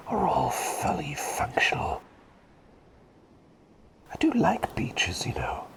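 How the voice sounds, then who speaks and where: In a soft-spoken ASMR roleplay, a man plays a gentle, absent-minded plague doctor, whispering slowly in a breathy, mid-range voice that drifts up and down in a very animated, heavily acted way. He is polite and rambling, softly repeating himself, and the recording quality is low.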